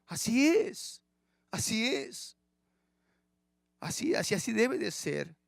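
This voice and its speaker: A man preaching a sermon who keeps calling listeners brother and asking rhetorical questions, swinging between loud emphatic lines and hushed low asides. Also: big pitch swings, slow pace, vocal fry, dry recording. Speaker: pastor.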